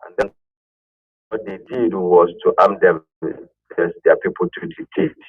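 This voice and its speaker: A man calling in to a radio show, speaking haltingly and searching for words. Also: deep voice, husky, no room sound. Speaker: caller. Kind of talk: call-in radio speech. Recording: muffled call line with faint music.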